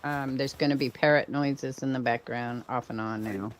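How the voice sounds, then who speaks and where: A woman's voice: very deep voice, steady tone, normal speed, slight background noise. An older woman streaming a video game, chatting casually and rambling, often trailing off mid-sentence. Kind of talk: casual gameplay chat.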